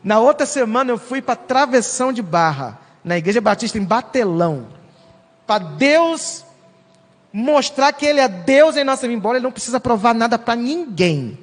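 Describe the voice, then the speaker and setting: A Brazilian man with a very high voice gives an emotional church testimony as a worship leader. He tells his story with animated feeling, and his voice rings with a long reverb through a church hall. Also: normal speed. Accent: Brazilian Portuguese.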